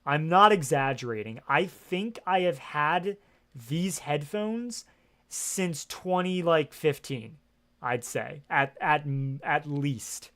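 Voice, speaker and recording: A male game streamer with a fairly high voice talks loosely into his headset mic. He wanders from point to point, packs his sentences with fillers, and swears often as he chats. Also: animated, slow pace, a bit bright. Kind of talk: casual livestream chat. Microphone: gaming headset.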